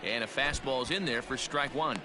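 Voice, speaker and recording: A man playing a baseball play-by-play broadcaster, calling each pitch and the count in game commentary. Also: normal speed, lightly acted. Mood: announcing. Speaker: play-by-play announcer. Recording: clear background noise of ballpark ambience.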